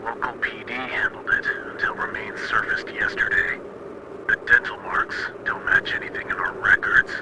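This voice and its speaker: A man's voice: mid-range voice, huge pitch swings, moderate pace. A man playing a stern military commander over walkie-talkie static. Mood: commanding. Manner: clipped, formal, commanding. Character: stern male military commander briefing a soldier. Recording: heavy radio static.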